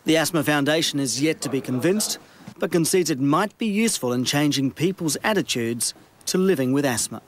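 A man with a New Zealand accent narrating a television news report in a measured, scripted way. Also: a little high, animated.

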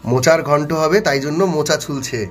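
A man's voice: on the high side, normal speed, soft background music. A man on his family's home vlog, teasing and joking as he talks to viewers. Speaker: vlogger's husband. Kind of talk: casual home vlog banter.

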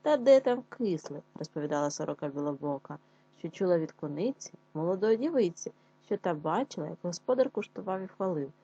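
A woman teacher giving a reading lesson, pronouncing words slowly and clearly, then reading a fairy tale aloud. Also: on the low side, dark tone, muffled recording. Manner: slow, careful enunciation of words. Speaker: primary school teacher.

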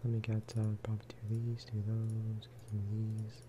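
A gaming video creator talks softly through a video game in relaxed ASMR-style commentary, rambling casually. His voice is a little low and a little fast, with almost no pitch movement. Clear background noise, including clicking, sits behind him.

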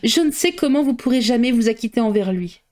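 A woman reading a novel aloud, voicing a fretful, excitable middle-aged mother with a shrill, fussy, complaining manner. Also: brisk, close to an everyday voice. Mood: delighted.

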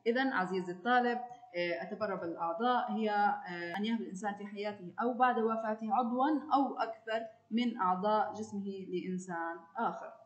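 A woman teacher talks her students through a recorded lesson at a brisk clip. Her voice sits at an ordinary middle pitch, and she keeps turning to the student directly, with short filler sounds between points. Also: lo-fi sound.

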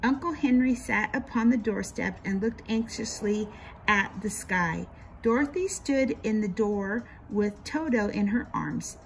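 The storybook reader speaks at medium pitch and a measured pace, giving quotes small lifts and occasionally slipping and restarting words. There is a little hiss or hum on this low-quality recording.

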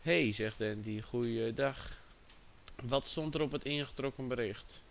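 A man hosting a casual livestream, talking slowly and chattily to his viewers and a friend. His voice is gravelly with vocal fry. A faint hiss sits under the recording. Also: mid-range voice. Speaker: livestream host.

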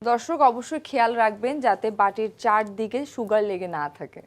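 Woman, young adult, cooking show host, upbeat, chatty, mixes in English, fairly high pitch. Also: normal speed. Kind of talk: scripted TV cooking segment.

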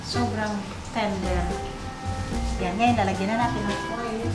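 A middle-aged woman chatting casually in a kitchen, speaking quietly and plainly as she gives short cooking steps. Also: mid-range voice, steady tone, measured pace. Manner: quiet and plain-spoken, giving brief cooking instructions. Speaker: host's mother, cooking guest. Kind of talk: casual chat. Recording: roomy sound with loud background music.

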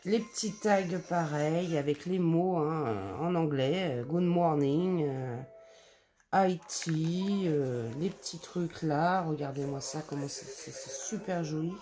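A woman vlogger walks through her scrapbooking purchases in an easy, chatty way. She gushes over every design, trailing off into fillers. She speaks warmly to her viewers as if they were friends. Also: sits low, slow. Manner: enthusiastic, gushing over papers with many fillers; addresses viewers affectionately. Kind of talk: casual product haul show-and-tell.

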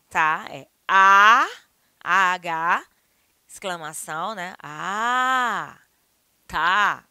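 A Brazilian Portuguese-speaking woman teaching a grammar lesson, acting out exclamations with big jumps in pitch and loudness. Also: no room sound. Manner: highly expressive, acts out exclamations with big shifts in pitch and volume.

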